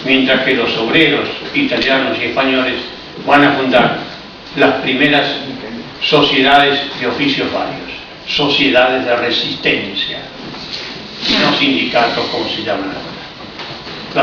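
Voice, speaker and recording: An Argentine man with an Argentine Spanish accent gives a public history lecture at a cultural hall in Paris, reflective and explanatory with ironic asides. His mid-range voice keeps a steady tone at an unhurried pace. It's recorded from afar, so the room sound is echoey, muffled, and noisy.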